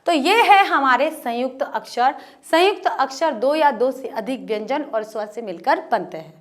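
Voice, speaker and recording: A woman teacher who explains step by step, repeats letters slowly and asks her pupils questions. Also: high voice, lively intonation. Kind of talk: online class lesson.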